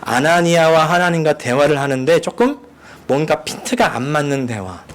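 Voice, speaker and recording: A man's voice: a little high, lively intonation, moderate pace. A male pastor delivering a sermon, telling stories and mimicking dialect phrases for emphasis. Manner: storytelling, mimics dialect lines with rising emphasis.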